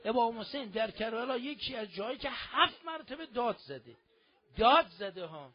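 Male preacher, high-pitched, lamenting mourning sermon, soft to shouting, muffled lo-fi audio. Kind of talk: mourning sermon, recounting with cries. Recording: dull lo-fi sound.

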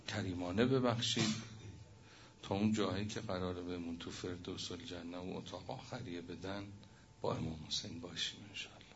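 Male preacher, low gravelly voice, fervent sermon storytelling, muffled recording with faint hiss. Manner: impassioned, swings from loud to hushed.

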